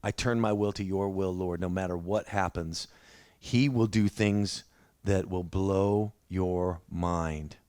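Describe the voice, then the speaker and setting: A man's voice: low-pitched, fairly even intonation, slow, a little mellow, dry recording. A man preaching a sermon in a church, telling his own story in a conversational, self-deprecating way. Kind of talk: sermon with personal testimony.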